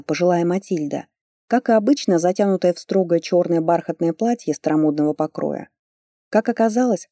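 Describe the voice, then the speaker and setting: A woman narrating a first-person fantasy audiobook with lively, expressive storytelling. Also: lowish voice, dry recording, clean studio sound.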